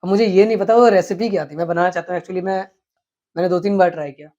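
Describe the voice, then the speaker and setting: A man telling his own story in an interview, earnest and animated, acting out the quotes. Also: high voice, fast talker. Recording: dull lo-fi sound.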